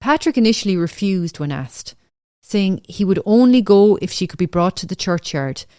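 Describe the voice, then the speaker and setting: A woman giving a measured, solemn scripted true-crime narration for a podcast. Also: medium pitch, lively intonation, a little mellow.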